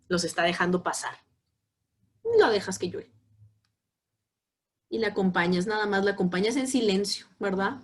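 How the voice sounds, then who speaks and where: A woman teaching a psychology class, answering student questions in an emphatic, lively way and reading them aloud. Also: mid-range voice. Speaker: psychology lecturer. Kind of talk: online class Q&A.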